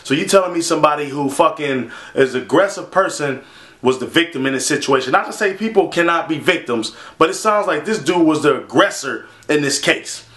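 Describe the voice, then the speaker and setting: A man's voice: fairly high pitch, animated, brisk, fairly bright tone, reverberant. A man giving a blunt, profane, sarcastic video rant about a news story. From Minnesota. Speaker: vlogger. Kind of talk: casual ranting commentary.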